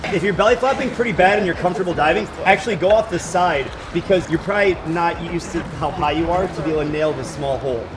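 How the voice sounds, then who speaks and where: There's background music and a noisy background as this swim coach and presenter, a man in his thirties, projects instructions while coaching a group through a demonstration at an outdoor swimming pool. His voice is a little high, and he talks fast with few pauses.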